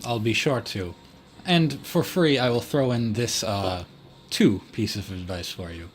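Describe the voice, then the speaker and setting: A man's voice: on the low side, close to an everyday voice. A man doing a composed, formal male vampire. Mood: cool, warning. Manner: measured, formal phrasing. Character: composed male vampire giving cool warnings.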